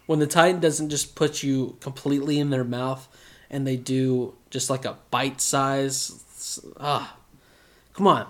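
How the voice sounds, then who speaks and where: A man in casual podcast chat, breaking down scenes with lively, joking asides. His pitch sits in a middle range for a man. He sounds loose and conversational. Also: unhurried. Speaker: podcast co-host.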